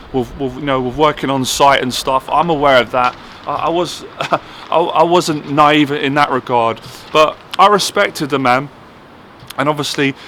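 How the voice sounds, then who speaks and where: A man tells a story from his own life in a loose, chatty monologue, often tossing in "right?". His voice sits a little high and sounds bright and forward. A faint hum of traffic comes from outdoors. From Ireland. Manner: chatty, keeps asking "right?". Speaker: vlogger sharing a personal story.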